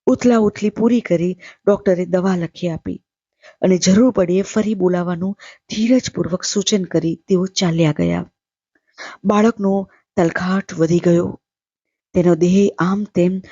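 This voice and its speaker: A woman storyteller reading a literary short story aloud in a measured, steady way. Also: fairly low pitch, dry recording, dull audio.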